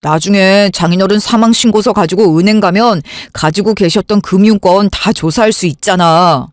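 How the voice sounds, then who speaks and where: This is a calm, evasive husband, voiced by a woman in a radio drama. He talks in a low, soothing, stalling way. The sound is close and dry, with no room around the voice. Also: moderate pace, dry recording, lightly acted. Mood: placating. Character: calm, evasive man, elder sister's husband. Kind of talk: Korean radio drama acting.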